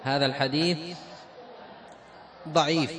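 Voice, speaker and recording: A man's voice: a little high, fairly even intonation, a little slow, a bit bright. A man teaching a religious lesson to a class, quizzing the students and drawing words out to show how they are pronounced. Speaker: Islamic teacher.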